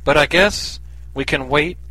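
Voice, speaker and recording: A man's voice: on the high side, a little slow, sharp tone. Sarcastic male narrator. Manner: sarcastic, mocking. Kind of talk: mocking story narration.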